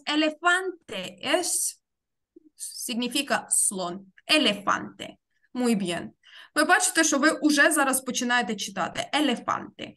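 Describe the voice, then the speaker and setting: Woman teacher, online class, high bright voice, patient word-by-word explaining. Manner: slow, careful word-by-word explaining. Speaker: Spanish teacher.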